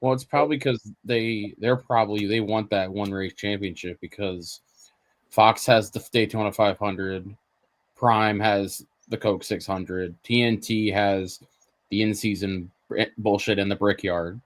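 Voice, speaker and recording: A man's voice: fairly low pitch, fairly even intonation, measured pace, no echo. A man on a podcast in casual chat, blunt and opinionated, swearing freely. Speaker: podcast guest.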